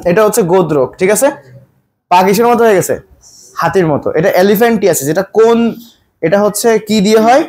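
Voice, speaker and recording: His voice sits high with a darkish tone as this man runs a biology lesson for exam preparation. Questions to the students come again and again, each one repeated, and he takes scientific terms slowly, spelling them out.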